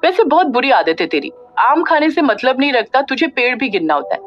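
A woman narrator reading a cocky young buddy in an audio story who teases his friend and boasts he can fix anything. The voice stays fairly high and joshing, with dull lo-fi sound and faint music. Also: very animated, fairly quick. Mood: joking. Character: young man Vicky, joking, cocky buddy.

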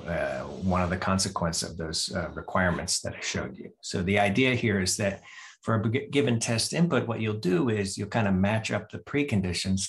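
A middle-aged man giving an academic keynote lecture over slides from a home office on a video call, explaining step by step with frequent pauses and self-corrections. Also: on the low side. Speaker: professor giving a keynote talk.

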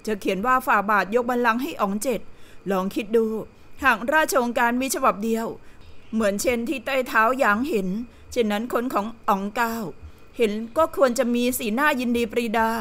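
A woman voicing a calm, shrewd male palace servant in an audiobook, speaking in a low, steady, composed way. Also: brisk, close to an everyday voice. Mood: grave. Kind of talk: audiobook character reading.

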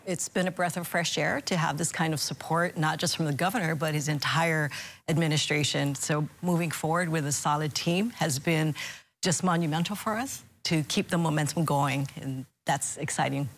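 A middle-aged woman, a state official, giving an upbeat, measured update in a TV studio interview. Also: low voice. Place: TV news studio.

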